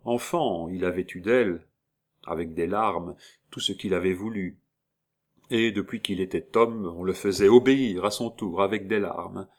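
A man narrating a classic novel as an audiobook in a measured storytelling manner. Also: low voice.

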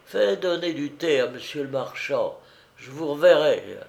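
Man putting on a fretful high noble lady. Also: sing-song, unhurried, gravelly, darkish tone, exaggerated voice. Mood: agitated. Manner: agitated, hesitant, high-strung. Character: fretful noble landlady, middle-aged woman.

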